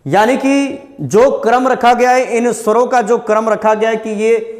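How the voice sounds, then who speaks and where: A man's voice: very high-pitched, measured pace, long reverb tail. A male teacher giving a classroom lesson, asking questions and answering them himself and drilling sounds aloud for students to repeat. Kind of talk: classroom lesson on vowel pronunciation.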